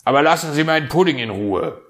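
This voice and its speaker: A man's voice: on the high side, animated, fast talker, a bit bright, voice pushed up. A man voicing a flustered, stingy male fox who blusters with silly oaths in a storybook reading.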